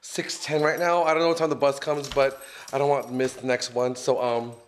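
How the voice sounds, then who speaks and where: A man films himself on a phone held at arm's length, waiting for a bus and then riding a bus and a train, rambling chattily with plenty of ums. His medium-pitched voice is slightly hoarse from losing it, and he talks briskly and flatly in this casual travel vlog. Faint vehicle and street noise sit behind him.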